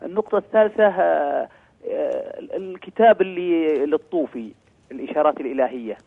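A man calling in over a muffled, low-quality phone line, politely asking a scholar his questions point by point with hesitant fillers. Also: brisk, gravelly. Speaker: caller. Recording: tinny faint phone call.

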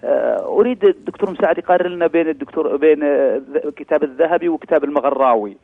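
A man calls in over a muffled, faint phone line that sounds thin and tinny. He talks very fast, setting out his numbered points politely and pausing on fillers between them. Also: creaky. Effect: muffled low-quality phone line. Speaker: caller. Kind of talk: call-in question to a scholar.

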